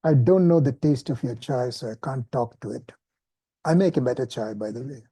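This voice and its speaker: A man teaching an informal spoken lesson, relaxed and self-deprecating, often restarting his sentences. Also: medium pitch, moderate pace, husky, dry recording. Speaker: meditation teacher.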